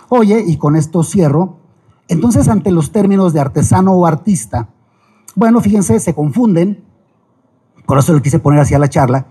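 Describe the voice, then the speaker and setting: A middle-aged man with a Mexican accent giving a lively, folksy talk on ethics, full of quick asides and jokes. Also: on the high side, breathy edge. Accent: Mexican Spanish. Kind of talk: lecture-style public talk.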